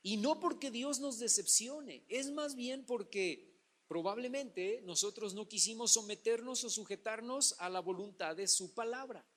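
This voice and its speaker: A man's voice: sits high, a little slow, fairly bright tone. Man preaching a Sunday sermon. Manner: preaching, addresses the congregation as brother, dramatizes Bible stories. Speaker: pastor.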